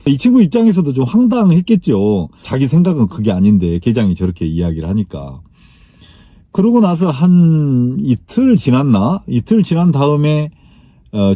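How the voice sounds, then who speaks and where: Middle-aged man, warm husky voice, lively storyteller who acts out the dialogue. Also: medium pitch, no echo. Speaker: speaker on workplace life. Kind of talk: anecdotal storytelling talk.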